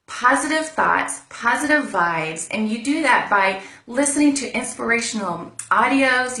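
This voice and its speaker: A woman's voice: on the high side, bright, forceful tone. A woman giving a casual motivational talk on a live stream, chatty and repeating herself as she goes. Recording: roomy echo.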